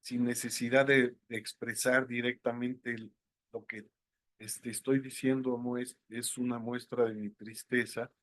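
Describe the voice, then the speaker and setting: A man teaching an online lecture, thinking aloud and filling pauses with hesitations. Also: mid-range voice, little pitch movement, a bit bright, dry recording. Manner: unhurried, thinking aloud with many fillers. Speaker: instructor.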